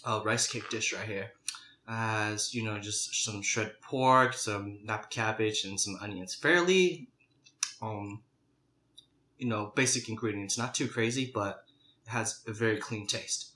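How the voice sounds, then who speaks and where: A man's voice: lowish voice, unhurried, sharp tone. A man casually chatting as a mukbang host, chewing and eating while he talks. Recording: roomy, echoey indoor sound.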